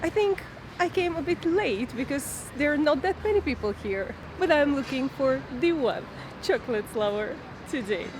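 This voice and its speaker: Bubbly high-voiced woman hosting street interviews. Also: expressive, moderate pace. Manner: cheerful, laughs often, rises high when greeting. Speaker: vlog host interviewing passers-by. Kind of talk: street interviews at Christmas markets. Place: outdoor Christmas market in a city. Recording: clear city noise behind.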